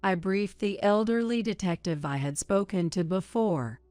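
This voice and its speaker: A woman reading a first-person story as a measured, even scripted narration. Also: mid-range voice, no echo, faint music behind.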